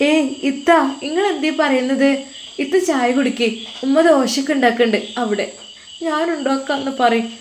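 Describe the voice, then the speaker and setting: A woman's voice: high voice, normal speed, slight background noise, natural voice. A woman doing a cheerful young sister-in-law. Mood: coaxing.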